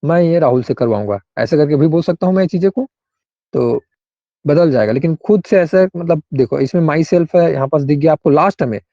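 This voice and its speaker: A man's voice: fairly high pitch, brisk, dark tone, no echo, highs cut off. A male English grammar teacher, explaining rules in an online class and often checking in with students by name.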